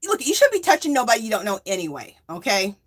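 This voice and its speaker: A woman's voice: a little high, wildly swooping pitch, fast. A woman hosting a yarn crafting livestream, chatting casually with viewers, reading their comments aloud and laughing often, stressing her points with "okay?" and "Hello?". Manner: emphatic, tags lines with "okay?" and "Hello?". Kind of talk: casual chat with live viewers.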